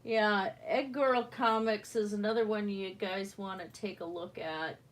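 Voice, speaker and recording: Woman art streamer chatting casually, slow unhurried pace, bit wheezy, medium pitch. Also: steady tone, slight background noise, low-quality recording. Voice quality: slightly wheezy breath. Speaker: livestream art host. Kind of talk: casual chat while painting.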